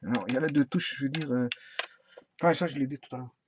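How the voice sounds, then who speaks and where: A fast-talking man with a medium-pitched voice presents a casual spoken tutorial on a laptop keyboard. He rambles and hesitates, using many fillers and restarts, and the lo-fi recording sounds dull with a faint hiss.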